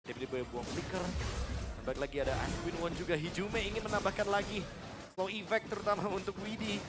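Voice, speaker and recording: A man's voice: high voice, quick pace, loud music behind the voice. A man with an Indonesian accent giving live esports commentary and analysis.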